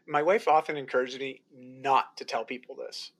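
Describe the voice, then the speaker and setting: A Canadian man talking as a guest in a casual interview, energetic and laughing often. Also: mid-range voice, normal speed.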